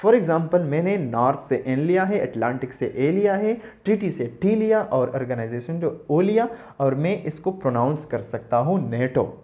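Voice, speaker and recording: Brief: male online tutor, fairly high voice, patient and repetitive explaining, muffled lo-fi sound. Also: animated, normal speed, few pauses. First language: Pashto. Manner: repeats points, asks rhetorical questions. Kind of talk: explanatory lesson.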